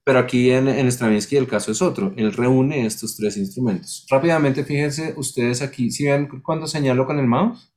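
A man's voice: mid-range voice, steady tone, normal speed, darkish tone. Man teaching a music class online. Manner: explanatory, sings rhythms on syllables.

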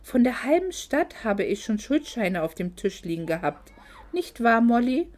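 A woman's voice: a little high, big pitch swings, a little slow, a little mellow. Woman doing a smug, oily male loan shark. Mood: scornful. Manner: oily, condescending, mock-polite. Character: smug greedy male moneylender, fake-sweet.

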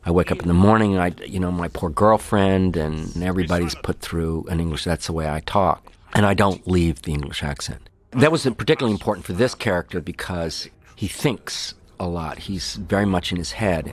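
A man actor giving film commentary, reflecting thoughtfully on his craft, self-deprecating. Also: low voice.

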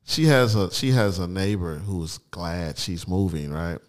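A man co-hosting a relaxed podcast, teasing his partner and spinning playful stories. He speaks, and his pitch rises and falls in a lively way. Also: measured pace. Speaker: co-host. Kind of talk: casual podcast banter.

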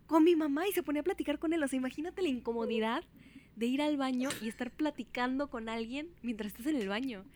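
A woman's voice: quick pace, slight background noise. A woman with a Mexican accent telling a childhood story in casual chat, acting out the voices of the people in it. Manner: animated, acts out quotes with big pitch jumps.

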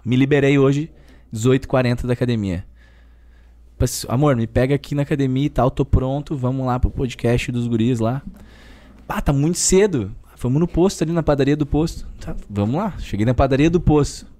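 A man's voice: medium pitch, a little fast. A man in his thirties with a southern Brazilian Gaúcho accent, talking emphatically and colloquially as a podcast guest. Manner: emphatic, animated, colloquial, keeps saying "velho". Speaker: personal trainer guest. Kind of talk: casual podcast conversation.

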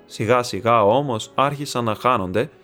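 A man narrating a classic short story in a calm, even reading voice, with faint music behind. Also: mid-range voice. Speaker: audiobook narrator.

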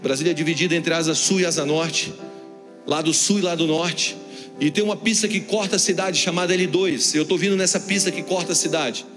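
A Brazilian man with a fairly high voice, preaching in a large hall with a long echo. Soft instrumental music plays behind him as he tells a story and acts out each speaker's lines. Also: brisk. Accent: Brazilian Portuguese. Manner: animated storyteller, acts out dialogue. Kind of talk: sermon storytelling.

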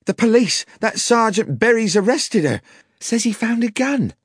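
Man putting on a shrill, distraught young woman. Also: big pitch swings, moderate pace, breathy edge, no echo, studio quality, full character voice. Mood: panicked.

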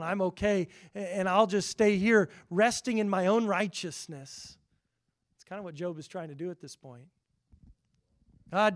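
A middle-aged pastor with a high voice for a man preaches earnestly, growing louder when quoting scripture and softening for asides.

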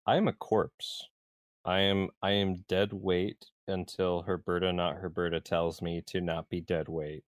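A man's voice: low-pitched, little pitch movement, a little slow, no echo. A man playing a tabletop game, describing his character's moves in a playful way. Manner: playful, laughing often between in-character choices. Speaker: player.

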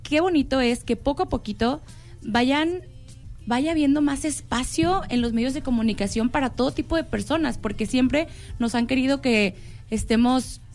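A woman's voice: high-pitched, normal speed, darkish tone, soft background music. A young woman with a Mexican accent, co-hosting a casual panel chat in an earnest tone and repeating words as she thinks. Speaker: podcast co-host.

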